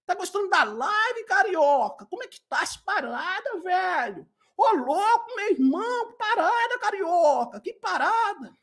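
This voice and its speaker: A man putting on a mock carioca guy, loud and swaggering, shouts exaggerated greetings at a livestream in a voice pushed well above his own. The voice is played for mockery and carries a Pernambuco accent underneath. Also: very high-pitched, big pitch swings, a little slow, pitched above the performer's own voice, exaggerated voice.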